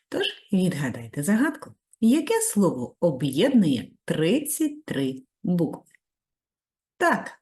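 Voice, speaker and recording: Warm praise and step-by-step instructions fill this primary school teacher's video lesson for kids. Her voice is very animated in pitch, soaring upward as she praises.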